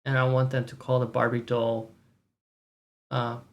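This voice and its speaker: In an unhurried monotone, a mid-range voice delivers profane, sarcastic, mock-boastful banter to stream viewers. It's casual livestream chat, with the host cursing freely throughout.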